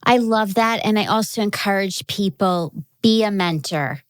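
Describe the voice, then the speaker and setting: A woman's voice: mid-range voice, moderate pace, clear, resonant tone, no room sound. A woman hosting a podcast interview, encouraging and affirming her guest. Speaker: podcast host.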